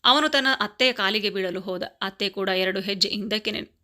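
A woman reading a family story aloud as scripted narration, in a steady, even voice. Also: mid-range voice, brisk.

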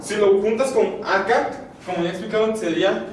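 A man's voice: sits high, moderate pace, background noise. A man teaching a language class, patiently explaining grammar step by step. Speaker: Nahuatl teacher. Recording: echoey room from far off.

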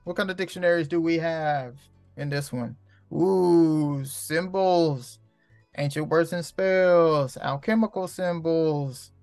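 A man hosts a casual spiritual talk and rambles through it with a gravelly voice. He swears freely and leans on street slang. The recording is dry and close, with faint music underneath. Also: a little high, no room sound. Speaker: host.

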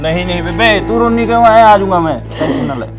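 A man playing a fast-talking, reassuring young son. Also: sits high, over loud music, natural voice. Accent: Punjabi. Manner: reassuring, quick. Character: young man leaving home to work abroad.

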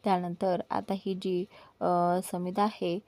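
A woman's voice: fairly low pitch, little pitch movement, takes it slowly, a little mellow, no room sound. A woman narrating a romance story in a conversational storytelling style, with small hesitations.

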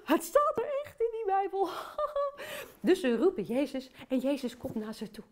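A woman playing bubbly Aunt Til, high and lively. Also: moderate pace. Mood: cheerful. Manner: playful, chatty, addresses children directly. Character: cheerful chatty aunt, playful and bubbly. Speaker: children's Bible storyteller. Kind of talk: children's Bible story for kids' TV.

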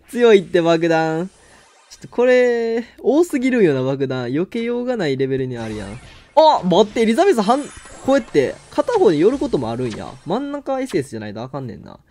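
A man with a Kansai accent giving excitable live commentary on his own game, exclaiming and laughing often. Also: sits high, fairly quick. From Kansai, Japan. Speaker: game streamer.

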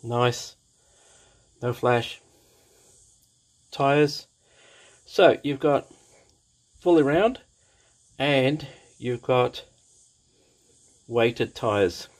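A man talks slowly and unhurriedly through a scale model kit, speaking from behind an overhead camera at his hobby desk. He is casual and enthusiastic, often repeating his praise and pausing with small fillers. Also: medium pitch, low-quality recording. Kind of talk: casual kit review, unscripted.

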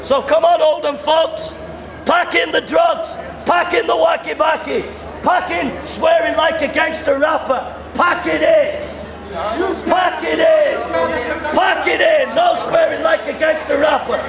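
A middle-aged man from England, preaching loudly and repetitively outdoors on a shopping street. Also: very high-pitched, steady tone, unhurried. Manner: loud, repetitive, confrontational, pointing and gesturing. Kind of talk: open-air street preaching. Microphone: handheld camera a few metres away. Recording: echoey street with crowd noise. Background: passers-by and crowd noise.

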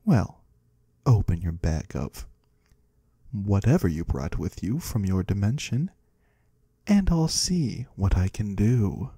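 A man plays a mysterious, disembodied trader from the void in a soft-spoken, intimate ASMR roleplay, fully in character. His husky, breathy voice sometimes slips into a whisper, and his pitch drifts up and down in a sing-song way, slow, hushed and courteously curious, sounding pleased. The studio-quality recording is dry and close-miked.

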